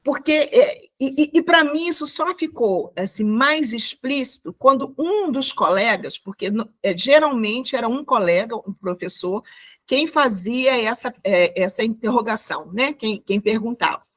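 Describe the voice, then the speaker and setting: A Brazilian woman teaching a live online class, her voice sitting a little on the high side. She talks in a reflective way, often pausing on fillers and restarting her sentences as she thinks out loud over a video call. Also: expressive.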